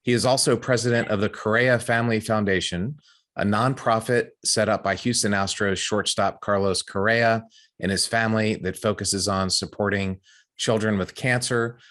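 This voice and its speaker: A man's voice: fairly low pitch, fairly even intonation, normal speed, a bit bright. A man hosting a podcast, introducing a guest and asking questions in an enthusiastic, friendly way. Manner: enthusiastic, friendly, with some restarts. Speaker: podcast host. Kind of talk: conversational podcast interview.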